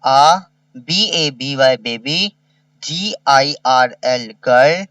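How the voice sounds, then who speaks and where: A man's voice: medium pitch, a bit bright, no echo, distant mic. A man teaching a kindergarten revision lesson. He spells each word letter by letter and repeats it. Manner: slow, spells words letter by letter and repeats them.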